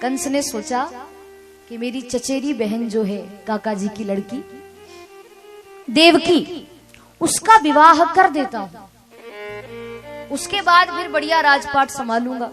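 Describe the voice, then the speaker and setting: A woman narrating a devotional story in a dramatic, animated way. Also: sits high, slow, long pauses, music in the background.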